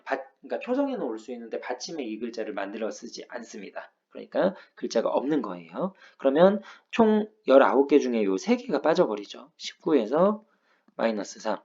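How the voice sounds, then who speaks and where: A man's voice: medium pitch, big pitch swings, a little fast, a little mellow, dull audio. A man teaching a grammar lesson, explaining rules patiently step by step and checking in with his students. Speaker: Korean language teacher.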